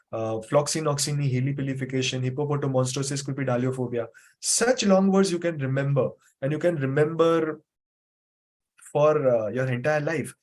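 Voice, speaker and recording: This memory trainer's voice is mid-range and darkish as he leads a live class online by video call. He explains patiently, repeats key points and uses many fillers.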